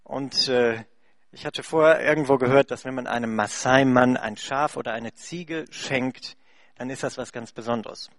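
Recorded in clean studio sound with no echo, a man speaks at medium pitch and normal speed. He is a German who runs a charity, and he talks to a church congregation, interpreting for a guest and then telling a story in a chatty manner packed with fillers.

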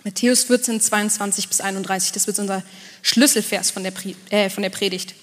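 A young woman giving a casual, lively church sermon from the stage. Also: medium pitch, fairly quick. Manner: casual, lively preaching with church English words. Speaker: preacher. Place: church hall. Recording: long church-hall reverb.

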